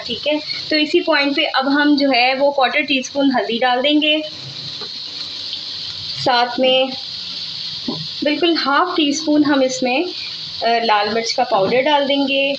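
Standing at her stove, a woman from Pakistan films herself on a handheld phone, walking viewers through a recipe in a friendly, homey way with a Pakistani Urdu accent and frequent "theek hai." Her voice is high, and the lo-fi audio has background noise.

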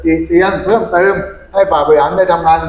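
A man's voice: high voice, steady tone, fast, darkish tone, echoey room, low-quality recording. A man interviewing a local council member, asking probing questions in casual talk.

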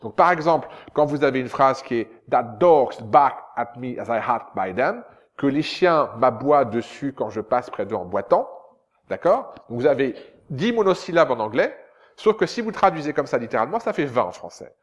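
Animated French man giving a lecture. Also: mid-range voice, fairly quick. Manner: animated, expressive speaker who sometimes sounds out rhythms. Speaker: stage director and translator. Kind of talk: public lecture. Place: lecture hall.

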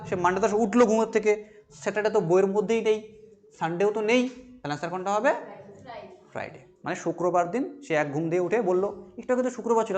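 High-voiced male teacher quizzing students. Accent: Bengali. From West Bengal, India. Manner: asks questions and answers them himself; reads English lines slowly, then explains. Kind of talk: exam-prep class lecture.

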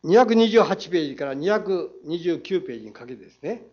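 A man's voice: a little high, expressive, fast talker, darkish tone, slightly rough. A man questioning the mayor on a city council floor, combative, with a Saga accent, rhetorical challenges and quoted passages read aloud. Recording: dull lo-fi council chamber audio.

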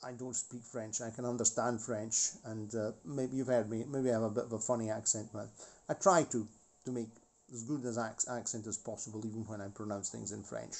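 A man's voice: fairly low pitch, fairly even intonation, brisk, a little mellow. A man in his forties hosting a model railway channel, talking casually and rambling about a model locomotive, with many restarts and asides. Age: 40s.

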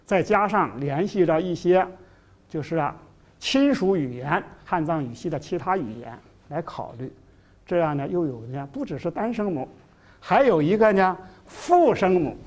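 A middle-aged university lecturer gives a class at a moderate pace, medium in pitch and a little mellow, with lively intonation. Fillers abound, key phrases come back again and again, and terms are elongated for emphasis.

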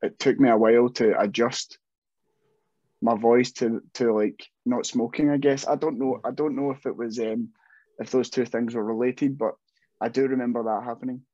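The metal singer's voice is mid-range and dark, delivered at a moderate pace with fairly even intonation. Calling in by video from a home room, the young man rambles casually, restarting often and putting himself down; the audio is dull and dry, with no room sound.

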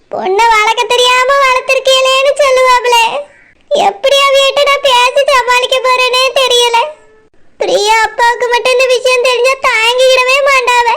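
A voice actor playing a middle-aged village mother who weeps over her family's shame, with a Tirunelveli Tamil accent, in a high cartoon voice. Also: background noise. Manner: lamenting, worried about shame. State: crying. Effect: high sped-up cartoon voice.

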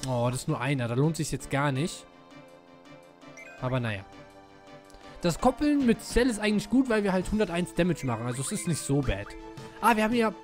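A casual let's player commentates his gameplay in a fairly high voice whose pitch jumps up and down a lot, getting excited quickly. He talks fairly fast but leaves long pauses, while game music plays quietly behind him.

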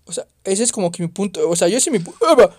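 A man doing excitable let's play commentary on a horror game, exclaiming and swearing at the scares. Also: high voice, fast, no room sound. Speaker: gaming youtuber.

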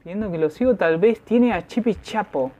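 Sitting high, with lively intonation at a normal speed, this gamer's voice comes through a muffled recording. He narrates a let's play casually in a Rioplatense Argentine accent, slangy and foul-mouthed, letting out panicked yelps when frightened.

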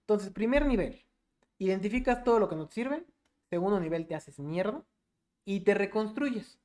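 A young Mexican man co-hosting a podcast, talking casually and swearing freely. He tells his story with animation, in an easy, relaxed chat. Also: sits high, moderate pace. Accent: Mexican Spanish. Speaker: podcast co-host.

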